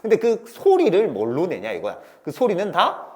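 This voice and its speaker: A man gives a recorded grammar lesson, constantly asking his students questions and answering them himself. His voice sits a little high and leaps around with animated intonation. He keeps it chatty and playful. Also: normal speed. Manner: lively, asks and answers his own questions, playful sound words. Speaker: Korean grammar teacher. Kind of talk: online lecture to students.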